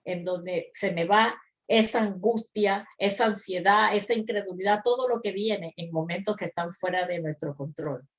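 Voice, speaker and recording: A woman's voice: mid-range voice, moderate pace. Earnest woman encouraging listeners. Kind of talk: Bible discussion.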